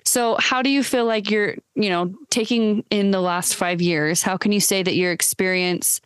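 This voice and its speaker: A woman hosts a casual podcast interview. Her voice is smooth and resonant, and it sits close and dry on the mic. She affirms her guest often and laughs easily. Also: mid-range voice, fairly even intonation, no room sound. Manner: warm, affirming, quick to laugh. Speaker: podcast host.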